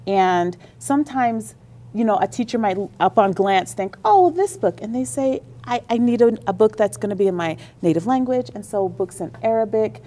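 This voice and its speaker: Interviewed on the radio, a woman who heads a school district's library program explains library services at length, full of enthusiasm. Her medium-pitched voice has a dark tone, and she's animated while keeping a moderate pace.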